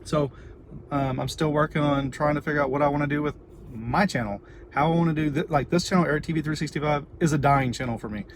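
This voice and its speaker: A man's voice: on the high side, fast. A middle-aged man with a Texan accent, chatting casually and informally in a rambling livestream to viewers from inside a car. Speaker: vlogger and parent. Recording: noisy car with ambient background noise.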